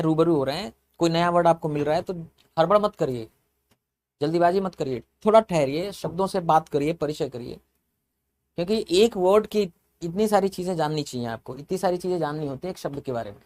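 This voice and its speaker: A man's voice: on the high side, fairly quick, darkish tone. A man teaching English vocabulary in a lecture, explaining step by step, spelling words out letter by letter and repeating them. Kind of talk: classroom lecture.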